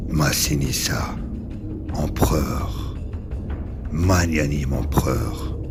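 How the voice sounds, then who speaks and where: A man's voice: rumbling low, extremely slow, gravelly, over loud music, exaggerated voice. A man playing a loyal, fervent military officer in a classical verse tragedy, declaiming solemnly and deferentially in grand stage style. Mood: fervent devotion.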